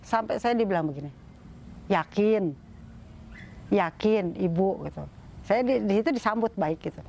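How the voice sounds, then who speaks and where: Telling her own story in a relaxed interview, a middle-aged woman speaks fast in a mid-range voice with vocal fry, full of fillers, restarts and imitated voices of those she quotes. The recording is muffled, with faint background noise and birdsong.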